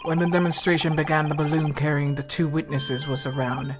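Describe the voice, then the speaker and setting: A woman's voice: low voice, flat delivery, a little fast. A woman streaming a game, reading its text and making joking asides. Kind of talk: let's play commentary and reading. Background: game music.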